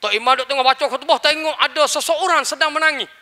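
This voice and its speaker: Brief: male preacher, Malaysian Malay accent, high, bright voice, lively storytelling sermon with long hall reverb. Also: quick pace. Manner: animated storyteller, acts out dialogue. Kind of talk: sermon talk with humorous story. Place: mosque prayer hall.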